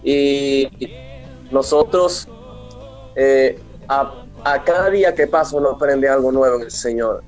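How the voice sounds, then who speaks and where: Over a dull lo-fi remote link with background music, a twenty-one-year-old Venezuelan from Mérida offers devotional testimony in a radio interview. He talks earnestly and makes preacher-like declarations in a mid-range, darkish voice, a little slowly.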